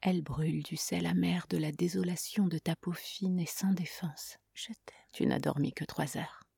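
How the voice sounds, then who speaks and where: A woman giving a soft, hushed, breathy whispered reading of a literary text, close to the mic. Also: fairly low pitch, steady tone, normal speed, no room sound. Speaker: reader.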